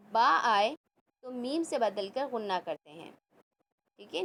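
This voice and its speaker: Slow, high-voiced woman teaching Quran recitation. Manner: slow, careful recitation and explanation. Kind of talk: children's tajweed lesson.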